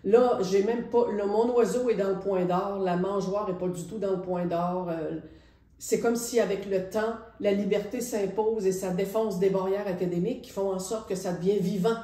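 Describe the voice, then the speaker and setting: A middle-aged painter with a Quebec French accent gives a casual spoken presentation of her artwork, reflective and hesitant, with frequent pauses. Her mid-range voice has a steady, dark tone, and the recording carries a roomy echo.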